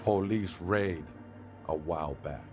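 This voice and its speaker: Man putting on a spaced-out church squatter, low voice, drawling slang, game voice acting, faint music behind. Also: slow. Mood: flat. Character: spaced-out male church squatter calling himself a seraph. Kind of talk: reading game dialogue aloud.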